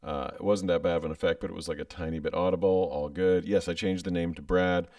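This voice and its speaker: A man in his thirties with a low, steady voice talks fast and sounds a little mellow as he chats casually on a livestream. He's a content creator streaming from home on a studio mic with headphones, rambling and hesitant with plenty of restarts. The recording is dry, with the mic at a distance.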